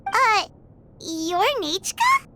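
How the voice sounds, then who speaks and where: A woman's voice: very high-pitched, huge pitch swings, extremely slow, bright, forceful tone, a little hiss or hum, exaggerated voice. A woman voicing a tiny, chirpy, curious fairy companion girl in a video game. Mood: curious, surprised. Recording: music behind the voice.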